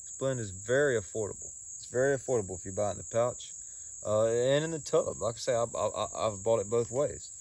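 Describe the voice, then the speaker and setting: A man giving a casual solo review in a folksy, halting way, often repeating words and pausing. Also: mid-range voice, a little mellow, no echo. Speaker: pipe tobacco reviewer.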